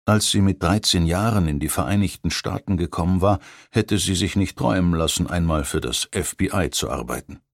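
A man with a very low, gravelly voice reads scripted narration in a measured, even way. He sits close to a studio mic in a dry space, with no room sound. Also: no echo. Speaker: audiobook narrator.

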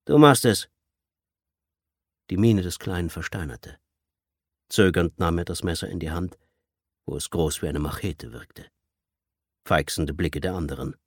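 A man narrating a tense audiobook with expressive storytelling. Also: low-pitched, moderate pace, pauses often, no room sound, studio quality. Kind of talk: audiobook reading.

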